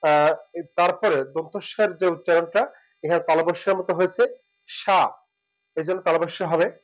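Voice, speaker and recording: Male teacher, high register, patient drill-style delivery with hesitant fillers, light mains hum. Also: steady tone, rough recording. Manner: slow, drawn-out repetition of words and sounds, with hesitant fillers. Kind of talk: spoken pronunciation lesson.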